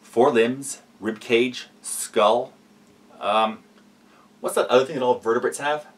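A man's voice: medium pitch, takes it slowly, distant mic, slight background noise. A man hosting a reaction video, giving sarcastic, explanatory commentary.

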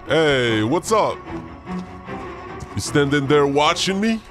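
A young man gamer talking through a voice changer that lowers his pitch, taunting other players while playing as the killer. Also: very animated, slow, music in the background. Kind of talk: live gameplay commentary.

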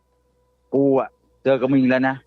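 A man voicing the menacing spirit of an old nobleman who speaks coarsely and slowly through a possessed woman. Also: mid-range voice, completely flat delivery, dry recording, phone-quality sound, close to an everyday voice. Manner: slow, threatening, coarse speech.

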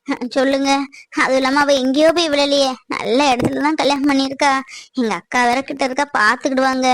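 A woman's voice: high-pitched, no room sound, lightly acted. A woman playing a coaxing middle-aged mother in a family drama skit. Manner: coaxing, earnest. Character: pleading middle-aged mother, soft and conciliatory.

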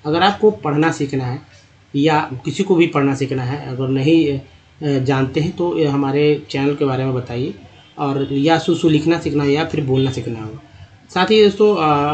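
A man teaching English pronunciation to other speakers, patiently spelling out letters and repeating words slowly. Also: a little high. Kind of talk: spoken lesson on English pronunciation.

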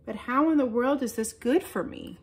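A woman voicing a small, scared young seed in a children's story, with a high, pleading, wavering voice. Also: moderate pace, a little mellow, close to an everyday voice. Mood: worried.

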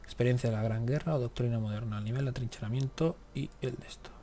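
A man's voice: mid-range voice, quick pace, mellow, a little hiss or hum. A man giving casual let's-play commentary on a strategy game, muttering to himself and cursing at the game. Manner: talks to himself, grumbles and curses at the game. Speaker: gaming YouTuber.

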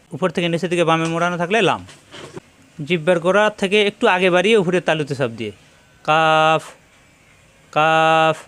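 A Bangladeshi Bengali-accented man teaches Arabic letters for Quran reading, his voice a little high and smooth. He says each letter sound slowly, several times in a row, and explains where the tongue and lips go. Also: fairly bright tone. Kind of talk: lesson on recognising Arabic letters.

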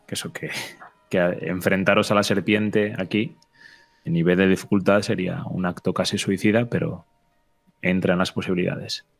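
A man narrating a tabletop role-playing game as game master, in a measured, dramatic way. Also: low-pitched.

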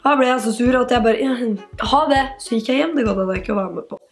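An eighteen-year-old woman vlogger reading hate comments aloud and answering them with sarcastic, quick-tempered retorts. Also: on the high side. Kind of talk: casual vlog.

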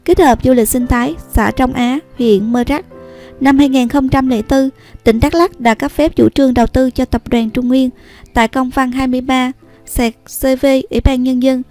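A woman narrating a scripted news report in a steady, even read. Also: high-pitched. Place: voice-over recorded apart from the pictured places.

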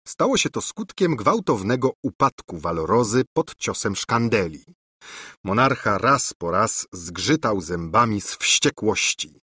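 A man with a husky, theatrical voice narrating a fairy-tale audiobook. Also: fairly low pitch, a bit bright, no room sound, clean studio sound.

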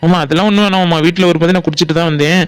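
A persuasive young villager from a family cartoon, voiced by a man, who talks very fast in a high, smooth voice. He pleads with the family and reassures them. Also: steady tone, lightly acted. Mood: pleading. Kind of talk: Tamil cartoon voice acting.

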